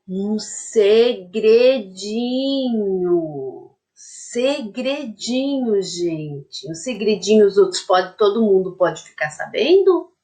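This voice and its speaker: A woman's voice: on the low side, mellow. A woman primary school teacher giving a lesson to young children. She talks patiently, checks in often with the class, and dictates a word syllable by syllable. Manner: uses many diminutives and checks in with "tá?".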